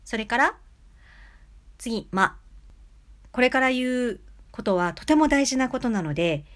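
A woman with a fairly high, very animated voice hosts a casual solo audio lesson on recording. She speaks close to an angled microphone, playing with pace, pitch and volume to show each point. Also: a little slow. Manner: lively, demonstrative, plays with speed, pitch and loudness. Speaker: podcast host giving recording tips. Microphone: close mic about ten centimeters away, angled.

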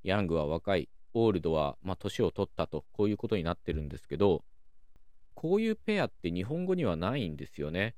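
A man hosting a calm solo talk show, explaining things in a measured way with many soft fillers. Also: low voice, no room sound. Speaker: podcast host.

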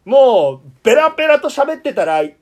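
Very animated, chatty man. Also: very high voice, moderate pace. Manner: chatty, self-confessed talker. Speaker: podcast co-host, theatre troupe member. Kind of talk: casual banter.

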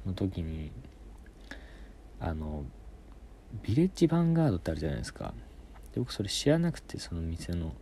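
A young man with a low, warm voice hosts a casual solo talk show, rambling through stories and answering listener questions. He often slips into whispered asides, with slight background noise behind him.

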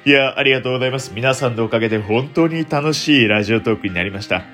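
A young man hosting a solo late-night radio talk in a deliberately low, deep announcer-like voice, polite and formal with theatrical flourishes. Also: a bit bright, faint music behind. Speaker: host of a solo internet radio show.

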